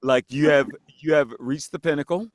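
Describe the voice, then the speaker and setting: A man's voice: on the high side, moderate pace, no room sound, studio quality. A man joking around as a guest on a podcast. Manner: joking, playful. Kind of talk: casual interview chat.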